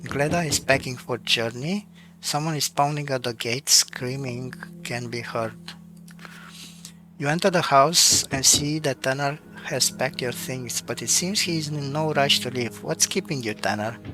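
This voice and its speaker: Man, casual let's play reader, mid pitch, game music behind. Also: a little slow, sharp tone, rough recording. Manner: casual, reads narration with fillers and asides. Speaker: game streamer. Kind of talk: let's play, reading game text aloud.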